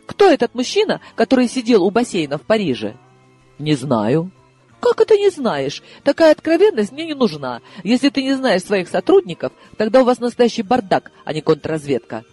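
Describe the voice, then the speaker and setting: A man putting on an excitable young woman in her mid-twenties, pitched far above his own voice and pushed louder. She sounds shrill, wounded and combative, with a soft, breathy edge to the tone. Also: normal speed, faint music behind, heavily acted. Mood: indignant. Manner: shrill, tearful, protesting.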